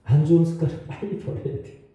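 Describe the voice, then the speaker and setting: Pastor preaching in an echoey church. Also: male voice, fast talker, dark tone, highs cut off. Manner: conversational preaching with asides and laughs. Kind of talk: sermon. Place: church sanctuary. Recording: roomy echo, mic far off.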